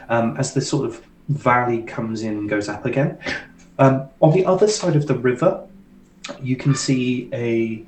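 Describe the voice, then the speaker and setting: A man's voice: medium pitch, roomy sound, low-quality recording. A man narrating as dungeon master in a casual, rambling way, with lots of ums and likes. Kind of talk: narrating a tabletop game.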